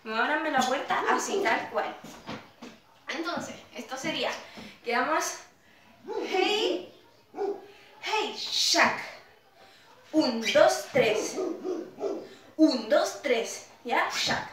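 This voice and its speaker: A woman's voice: sits high, animated, drawn-out words, long pauses, crowd noise. A woman teaching an online dance class, counting beats aloud and calling out cues over the music, recorded from a distance in an echoey room. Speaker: dance instructor. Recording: roomy echo, distant mic, loud music. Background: loud pop music.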